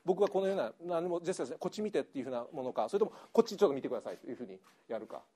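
This middle-aged man teaches English in a chatty, lively lecture full of laughter, now and then lapsing into Kansai dialect before his audience. His voice is mid-range and husky, delivered rapid-fire.

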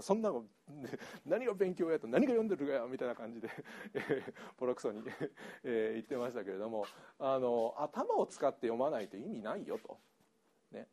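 A middle-aged man, an English teacher giving a chatty lecture that is full of laughter. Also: fairly high pitch. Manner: lively, chatty, laughs often, slips into Kansai dialect. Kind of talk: lecture to an audience.

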